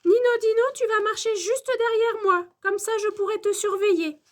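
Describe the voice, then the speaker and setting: A woman's voice: lively intonation, normal speed. Woman playing a strict dinosaur schoolteacher. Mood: scolding. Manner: scolding, high and loud. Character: strict but caring female dinosaur schoolteacher. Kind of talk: children's storybook reading.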